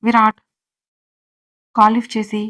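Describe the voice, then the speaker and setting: Storyteller, woman, flat even narration, steady reading. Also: fairly high pitch, normal speed. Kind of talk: scripted serial story narration.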